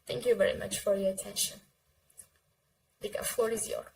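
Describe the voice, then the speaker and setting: Woman reading out an academic talk, medium pitch, hesitant phrasing, bit of background noise on the call. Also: steady tone, moderate pace, creaky, darkish tone, rough recording. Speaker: conference presenter. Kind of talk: academic presentation. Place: online video call.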